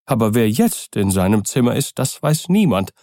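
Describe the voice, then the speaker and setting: A man's voice: medium pitch, very animated, normal speed, mellow, no room sound, studio quality. A man voicing an old male butler, frightened and agitated, pleading with rising urgency. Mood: agitated, fearful.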